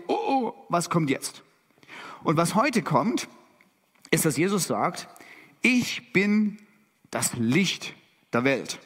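A middle-aged man preaching a sermon, lively and animated, with dramatic emphasis on key phrases. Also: sits high. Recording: long hall reverb.

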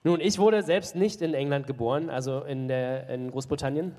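A man's voice: mid-range voice, moderate pace, warm tone. A man interpreting a sermon live, hesitant, with many fillers and self-corrections. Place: church hall. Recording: long church hall reverb.

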